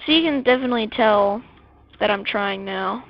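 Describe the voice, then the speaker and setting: A woman giving casual gameplay commentary, rambling and excitable, blurting out weapon names as she plays. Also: medium pitch, normal speed, dry recording. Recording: dull lo-fi dry mic.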